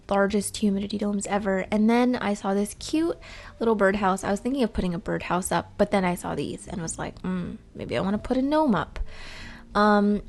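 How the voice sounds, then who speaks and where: A woman chats her way through a vlog voice-over, rambling from one thing to the next with plenty of ums. Her voice is rough from the morning and has a gravelly edge. She sounds relaxed and unscripted. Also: medium pitch. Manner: chatty and rambling, with frequent ums. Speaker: vlogger.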